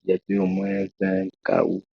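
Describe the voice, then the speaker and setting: A very low, gravelly man's voice with a husky edge, recounting his testimony haltingly and restarting his sentences. He is a preacher from Congo, speaking in a dry, dull, lo-fi recording. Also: big pitch swings, no room sound. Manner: slow, halting storytelling with many restarts. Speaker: preacher, guest. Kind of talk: testimony in a talk show interview.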